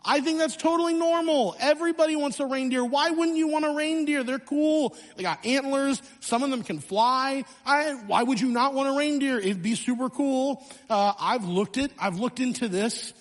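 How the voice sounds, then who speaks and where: A man from Illinois with a high voice speaks to a church congregation. He tells stories in an animated way with self-mocking humor. His voice rings with the long reverb of a church hall. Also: moderate pace, hardly any pauses. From Illinois, USA. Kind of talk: sermon announcements and storytelling. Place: church sanctuary.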